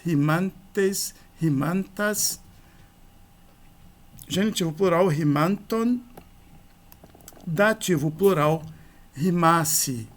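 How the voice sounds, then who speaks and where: A man teaching a grammar lesson, explaining forms one by one in a methodical, explanatory way. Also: on the high side. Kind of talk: slow grammar lecture.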